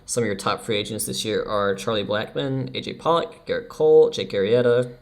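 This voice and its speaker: A man's voice: lowish voice, fairly quick, vocal fry. A young man casually commenting over his baseball management game, chatty and laughing at himself now and then. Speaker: let's play commentator.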